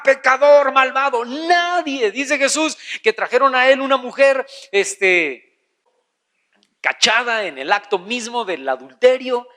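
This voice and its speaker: A man preaching a sermon as pastor, acting out quoted voices and swinging from loud to hushed. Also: high-pitched.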